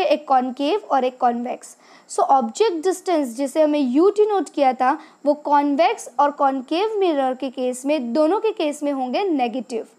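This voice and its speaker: A woman teacher giving a slide-based science lesson voice-over, explaining slowly and deliberately while mixing English and Hindi. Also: sits high, a little mellow.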